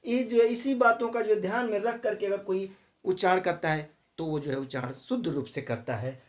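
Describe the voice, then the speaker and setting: A man's voice: high voice, a little fast. A man teaching a lesson to teacher trainees, explaining step by step, repeating key terms and using many fillers. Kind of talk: classroom lecture for teacher trainees.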